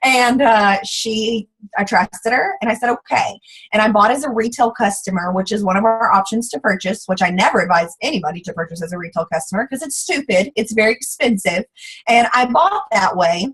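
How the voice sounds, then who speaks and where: A woman, chatty and animated, telling her personal testimony and acting out what people said. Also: medium pitch, fairly quick, husky, poor audio. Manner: chatty, animated storytelling with acted-out quotes. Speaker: product distributor giving a testimonial.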